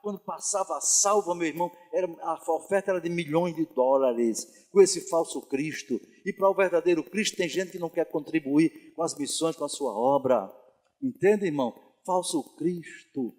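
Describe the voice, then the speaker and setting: A man, a pastor giving a Bible study sermon with animated storytelling and rhetorical questions to the congregation. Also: fairly high pitch, moderate pace. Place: church hall. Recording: reverberant church hall.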